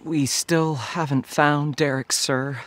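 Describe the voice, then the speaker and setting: A man's voice: a little high, steady tone, slow, noisy background. An actor playing an earnest, worried boy scout in a short film, who is timid and polite and keeps saying sir. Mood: dutiful. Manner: timid and deferential, says sir constantly.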